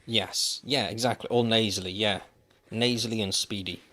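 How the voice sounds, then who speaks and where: Speaking into a desk mic, this man gives casual commentary while streaming a survival game, tossing dry, wry remarks to his viewers. His pitch is on the low side and his tone is steady, bright, and forceful, at a normal speed.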